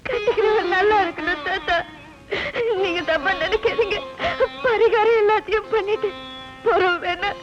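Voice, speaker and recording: A woman's voice: extremely high pitch, fairly even intonation, normal speed, over loud music. An actress playing a meek young village woman, crying as she pleads. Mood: tearful. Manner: pleading, humble. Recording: dull lo-fi film soundtrack.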